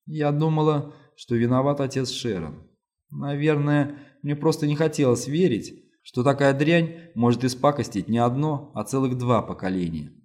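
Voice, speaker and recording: A man's voice: mid-range voice, normal speed, darkish tone, lightly acted. A man reading a firm woman police lieutenant. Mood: weary. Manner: firm, insistent. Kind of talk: audiobook reading.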